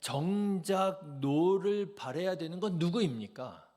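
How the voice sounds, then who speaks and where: Animated Korean pastor, fairly high voice. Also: male voice, takes it slowly. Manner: animated, acts out quoted lines with rising loudness. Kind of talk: early-morning sermon.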